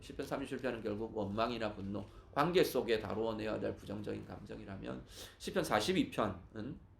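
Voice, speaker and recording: Gravelly earnest preaching man. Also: on the low side. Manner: earnest preaching with rising emphatic lines. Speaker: pastor. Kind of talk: sermon. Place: church cafe, indoors. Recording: echoey room.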